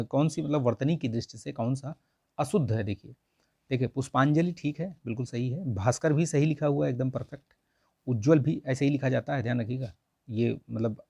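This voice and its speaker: A man's voice: medium pitch, gravelly, dark tone, breathy edge, no room sound. A man teaching an online Hindi grammar lesson for an exam, explaining patiently and saying "theek hai" again and again. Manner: repeats "theek hai" constantly, coaxing and explanatory.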